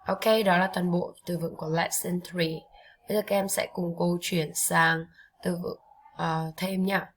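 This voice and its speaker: A woman's voice: on the low side, level tone, unhurried, poor audio. A woman English teacher with a Vietnamese accent, drilling vocabulary for young pupils and repeating each word several times.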